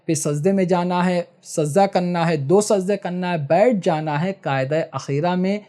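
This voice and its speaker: A man teaching how to perform a prayer, step by step and patiently, often checking that listeners follow and chanting the recitations slowly. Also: high voice, mellow. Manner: slow, drawn-out chanting in recitations. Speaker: prayer instructor. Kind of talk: step-by-step religious tutorial.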